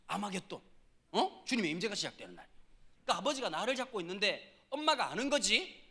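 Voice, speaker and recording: Lively middle-aged male pastor, bright high voice, jokey storyteller who suddenly shouts. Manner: animated, humorous storytelling with shouted impressions. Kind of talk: sermon.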